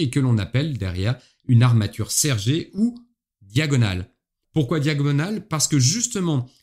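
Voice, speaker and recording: A man's voice: medium pitch, a little mellow. Podcast host, a man from France, casual explainer, friendly asides. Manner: chatty, playful asides to listeners. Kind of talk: solo podcast explainer on history.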